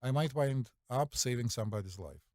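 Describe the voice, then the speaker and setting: A man's voice: medium pitch, expressive, brisk, darkish tone, no echo, studio quality. A middle-aged man with a Russian accent, a physician co-hosting a podcast, telling stories confidently with many fillers and a repeated "right?". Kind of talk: casual storytelling chat.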